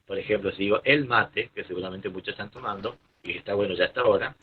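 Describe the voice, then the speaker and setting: A man's voice: lowish voice, quick pace, husky, narrow, tinny audio. A middle-aged man with an Argentine accent teaching a grammar lesson, patiently repeating points and checking in with his class. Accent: Argentine Spanish. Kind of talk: online class explanation.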